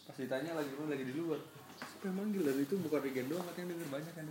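A man's voice: fairly high pitch, fairly even intonation, racing. A man co-hosting a casual podcast, joking around and swearing casually. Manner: joking, drops crude slang. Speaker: podcast co-host. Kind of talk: casual chat. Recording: echoey room with faint noise.

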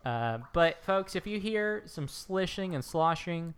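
A man chats and jokes as a podcast co-host, his voice smooth and resonant. It carries an echo that bounces off the tiles of the bathtub he sits in, like an indoor swimming pool. His banter runs silly and playful. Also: a little high, animated, measured pace, fairly bright tone. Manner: jokey, playfully absurd banter. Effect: echoey bathtub sound, like an indoor swimming pool. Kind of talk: casual chat. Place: inside his bathtub at home. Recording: echoey tiled-bathroom recording.

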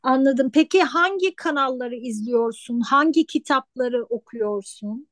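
A woman's voice: sits high, unhurried, no room sound. A woman hosting a casual interview, asking her guest questions. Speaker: host, interviewer.

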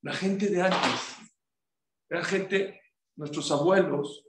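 A man giving a sermon as a rabbi, lively, firing rhetorical questions at his listeners. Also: a little high, slow pace, background noise. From Mexico. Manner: animated, rhetorical questions to the audience. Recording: echoey room.

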